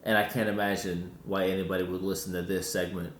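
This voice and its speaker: A man's voice: sits low, flat delivery, fast, slight background noise. A young man co-hosting a podcast in casual banter, laid-back, laughing often, with reflective asides. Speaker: podcast co-host. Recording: roomy home recording.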